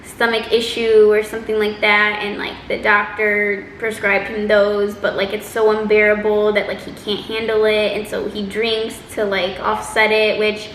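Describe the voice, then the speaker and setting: A woman telling a personal story in a casual, chatty, animated way, acting out quotes as she goes. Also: mid-range voice. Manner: animated, exaggerating delivery with acted-out quotes. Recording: roomy echo, faint background noise.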